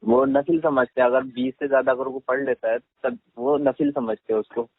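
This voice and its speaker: A man's voice: mid-range voice, sing-song, creaky, breathy edge, no room sound, narrow, tinny audio. A man in a casual religious discussion, agreeing often with short affirmations and adding anecdotes. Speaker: discussion partner.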